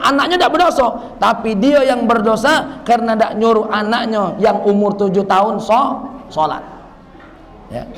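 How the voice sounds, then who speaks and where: A man preacher with a South Sumatran Malay accent, giving a sermon and teasing his audience with jokes. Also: extremely high pitch.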